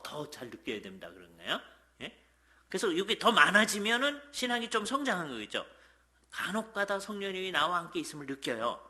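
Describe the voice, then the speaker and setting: A man giving a seminar lecture at a church in a lively way, often asking the audience "예?", acting out quoted lines and sometimes dropping to a whisper. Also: on the high side. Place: church hall.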